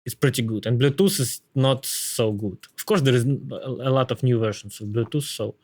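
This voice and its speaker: A man with a Slavic accent talking casually about tech, haltingly, often repeating words as he thinks aloud. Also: medium pitch, darkish tone, no echo.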